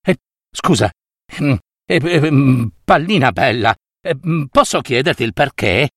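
A man's voice: medium pitch, animated, a little slow, a bit bright, no echo, studio quality. A man voicing a lovesick young male spinning top in a storybook who stammers and fumbles his words. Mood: flustered.

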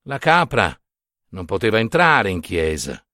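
A man narrating a classic short story in a literary audiobook reading, with expressive, theatrical storytelling. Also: fairly low pitch, measured pace, dry recording, clean studio sound.

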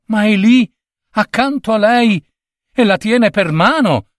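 A man voicing a blind young prince in a fairy tale, crying out high and excited, repeating himself. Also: moderate pace, breathy edge, dry recording, studio quality, full character voice.

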